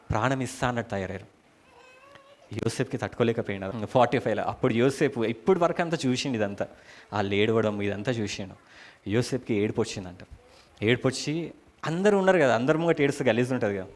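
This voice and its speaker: A man preaching, retelling a scripture story in a dramatic, colloquial way and calling out hallelujah. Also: medium pitch. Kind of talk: storytelling sermon.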